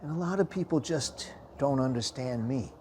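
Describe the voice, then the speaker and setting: Priest guy bragging about spirits, lively up and down voice, faint noise. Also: mid-range voice, normal speed. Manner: boastful, animated, dips to a whisper. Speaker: self-described priest and paranormal investigator. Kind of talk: casual to-camera talk.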